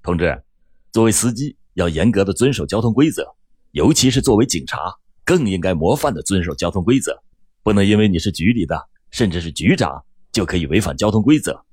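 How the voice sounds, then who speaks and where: A composed young traffic officer speaks politely and evenly in a lowered voice, as a storyteller acts him out. The tone is slightly husky. It sounds close and dry. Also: male voice, brisk, dry recording. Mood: lecturing. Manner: calm, polite, steady. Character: calm, upright young male traffic officer.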